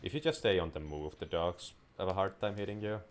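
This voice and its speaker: This gameplay commentator, whose first language is Finnish, has a low, expressive voice and talks fairly quickly, with a little hiss or hum on the recording. He rambles casually through his let's-play, wandering into tangents and restarting sentences.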